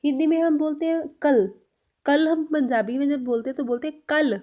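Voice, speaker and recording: A woman with a fairly high, warm voice and fairly even intonation teaches a spoken language lesson, speaking directly to her viewers. As a language teacher, she explains clearly and patiently, saying each example sentence slowly and then repeating it.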